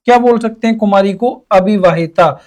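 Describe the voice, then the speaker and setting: Young guy teaching hindi exam prep, high voice, asks stuff then answers like the students would. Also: moderate pace, darkish tone.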